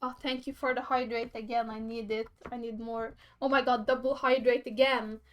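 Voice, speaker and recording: High-voiced playful woman livestreamer. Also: little pitch movement, moderate pace, fairly bright tone. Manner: playful, bubbly, giggly. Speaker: streamer. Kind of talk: livestream let's play, chatting with viewers and reading game dialogue. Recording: music behind the voice.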